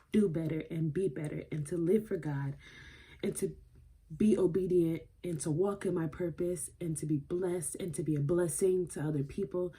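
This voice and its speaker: A woman's voice: lowish voice, dark tone, slightly rough. A woman in her twenties talking casually and earnestly to her vlog audience, emotional and rambling with fillers. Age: 20s. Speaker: vlogger. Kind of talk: casual vlog talk to camera.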